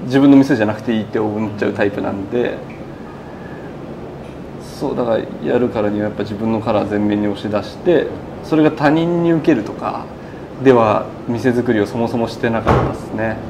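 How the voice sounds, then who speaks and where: Speaking into a lapel mic inside a small burger shop, the owner, a man in his thirties, chats casually as an interview guest. He recounts his story in long run-on sentences full of quoted speech. His voice is fairly low and brisk, and the background is noisy.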